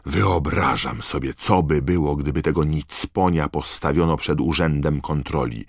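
A man's voice: extremely low pitch, moderate pace, no room sound, studio quality. A man doing a pompous young busybody. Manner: pompous, lecturing. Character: pompous young man, self-important official type.

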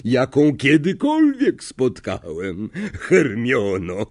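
A weary middle-aged wizard teacher, voiced by a male audiobook reader holds his emotion back, his voice trembling under the strain. He speaks slowly, with a lively rise and fall, in a dry, close recording. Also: mid-range voice, dry recording, heavily acted. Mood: dry, calm.

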